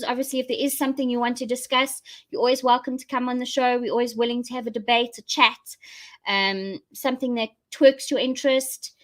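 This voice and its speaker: A South African woman hosts a casual live online chat for her viewers, rambling and thinking aloud as she goes. Her voice is a little high and a bit bright.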